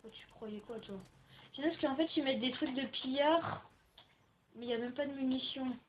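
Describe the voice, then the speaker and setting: A woman's voice: sits high, normal speed, highs cut off, a little hiss or hum. A young woman rambling casually through gaming commentary, with frequent filler words, into a home computer microphone. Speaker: gaming video maker.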